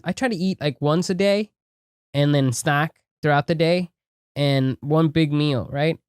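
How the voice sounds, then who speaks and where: A man's voice: on the high side, a little mellow, smooth, dry recording, studio quality. A thirty-year-old man hosting a podcast, laid-back and chatty, swearing freely and calling his guest bro. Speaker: podcast host. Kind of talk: casual chat.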